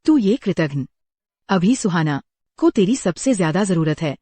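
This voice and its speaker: Nosy village auntie. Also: female voice, fairly low pitch, sing-song, a little slow, mellow, no room sound. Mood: scolding. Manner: gossipy, scolding. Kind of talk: dubbed drama acting.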